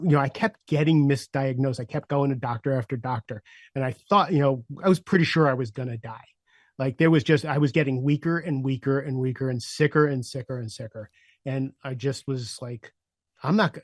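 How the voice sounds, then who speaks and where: A man's voice: mid-range voice, a little fast, dry recording, clean studio sound. Reflective man in his sixties. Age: 60s. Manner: reflective, many "uh" fillers, drops softer at emotional moments. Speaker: podcast guest. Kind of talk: candid personal storytelling.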